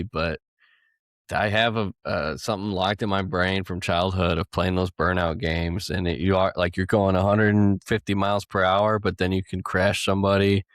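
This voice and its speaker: A man's voice: deep voice, no room sound, studio quality. A young man co-hosting a casual gaming podcast, rambling through his thoughts and laughing now and then. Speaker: podcast co-host.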